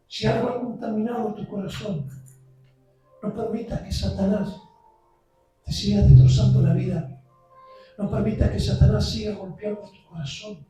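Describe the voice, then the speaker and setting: A visiting preacher, a man, giving an impassioned sermon that builds to shouts. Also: high voice, distant mic. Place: church sanctuary. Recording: very echoey church, heard from afar.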